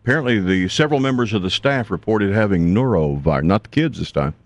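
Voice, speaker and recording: A man's voice: lowish voice, lively intonation, fast talker, no room sound. A man hosting a morning radio show, chatting casually with a dry, teasing manner. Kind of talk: casual bantering radio chat.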